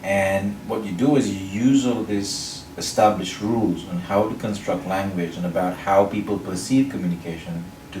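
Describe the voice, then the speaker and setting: With a low, darkish voice, a Sri Lankan public speaking champion answers interview questions, explaining things methodically point by point. He speaks neutral international English with a faint Sri Lankan accent, his first language being Sinhala or another Sri Lankan language. Recorded from a distance, the audio has a roomy echo and some faint noise.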